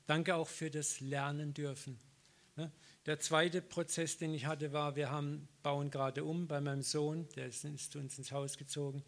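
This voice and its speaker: A middle-aged male preacher in an animated sermon. His voice sits a little high for a man, and he acts out every conversation he retells. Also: moderate pace, gravelly. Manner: lively storytelling, acts out dialogue, laughs often. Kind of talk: sermon with personal stories.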